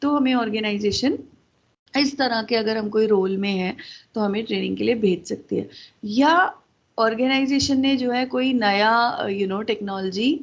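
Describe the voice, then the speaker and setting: A woman's voice: fairly high pitch, normal speed. Woman teacher, chatty lecture style, airy voice, dull lo-fi sound. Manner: conversational, mixes English terms and asides to viewers. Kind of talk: explanatory lecture.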